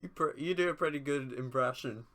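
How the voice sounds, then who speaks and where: A young man co-hosting a podcast who teases his friend with dry, offhand jokes. His voice sounds bright and sharp. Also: mid-range voice, a little fast. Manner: teasing, dry quips. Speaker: podcast co-host. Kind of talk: casual chat.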